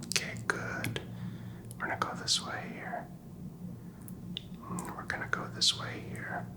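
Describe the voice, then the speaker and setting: This man takes on the role of a doctor for an ASMR exam set in a small office. His breathy whisper stays soft and gentle, with a halting, reassuring quality.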